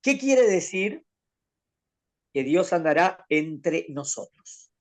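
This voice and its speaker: A man's voice: on the high side, sing-song, slow pace. A rabbi teaching a Torah class to a student, explaining patiently and posing questions as he goes. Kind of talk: conversational Torah lesson with a student.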